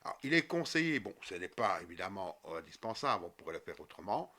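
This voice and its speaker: Man, programming tutorial, bright voice, lively pitch, talks through each step with fillers, keyboard typing behind. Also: fast. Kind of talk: screen-recorded coding tutorial.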